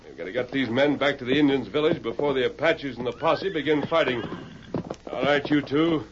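An actor playing a masked frontier lawman hero in an old radio drama, speaking firmly and clearly. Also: medium pitch, brisk, dull audio, natural voice. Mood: stern. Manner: firm, clear-spoken, calls out loudly to his horse. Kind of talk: 1930s radio drama acting. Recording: scratchy vintage radio recording with hiss.

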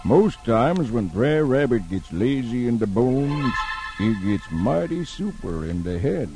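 A man voicing a wise old male storyteller in a radio comic reading, with a slow drawling delivery. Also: mid-range voice, very animated, over music, pitched below the performer's own voice. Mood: sage. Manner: slow, drawling proverb-telling.

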